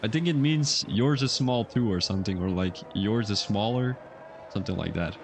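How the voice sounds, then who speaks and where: A young adult man with a lowish voice gives casual livestream commentary on a sim racing league, talking loosely at a normal speed until he gets excited calling incidents.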